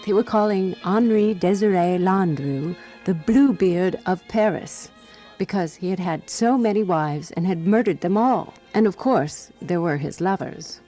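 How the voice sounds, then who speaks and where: Soft background music accompanies a woman's mellow, lowish voice at a measured pace. Playing a prim 1920s Parisian, she narrates a scripted radio drama in first person, reminiscing wryly with precise, dry disapproval.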